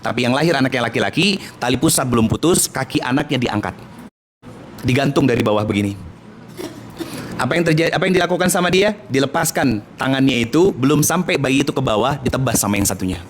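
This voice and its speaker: A man in his thirties from a Minangkabau family, preaching a soft-spoken sermon and questioning the women listening directly. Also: medium pitch, lively intonation, quick pace, slight background noise. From Indonesia, Minangkabau family. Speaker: Islamic preacher.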